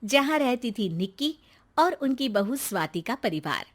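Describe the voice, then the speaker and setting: A woman narrating a scripted cartoon story in a measured way. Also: a little high, sing-song.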